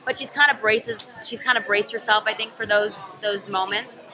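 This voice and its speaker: This is a rough recording of a young female actor being interviewed in a busy convention press room, crowd noise behind her. Her medium-pitched voice stays fairly even and moves at a moderate pace as she rambles thoughtfully through her answers, with frequent ums.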